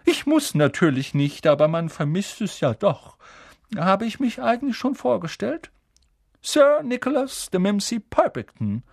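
Man doing a stiffly polite old ghost aristocrat, high and slowish, touchy, dry close read. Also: big pitch swings, gravelly, dry recording, full character voice. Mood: wistful, formal. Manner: formal, stiffly polite, easily offended. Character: prim, melancholy old male ghost nobleman. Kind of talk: audiobook character voice.

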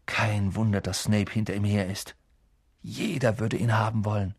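A man voices a kind young boy in a storybook, earnest and often hushed. His voice sits near the reader's own, slightly husky. The sound is dry and close. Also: lowish voice, fairly even intonation, moderate pace, no echo. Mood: thoughtful.

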